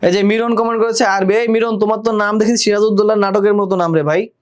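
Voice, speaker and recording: A young man runs a live online exam-prep class. His voice sits high for a man. He fires the same question again and again, then answers it himself and reads out students' comments. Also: fairly even intonation, fast, smooth. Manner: quizzing, repeats questions, reads viewer comments aloud. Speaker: admission test tutor.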